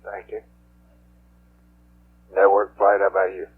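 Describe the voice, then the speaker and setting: A man with a low, very even voice runs a procedural roll call as a flight director. He is brisk and businesslike, heard over mission control radio that is narrow and band-limited, with hum and hiss behind him.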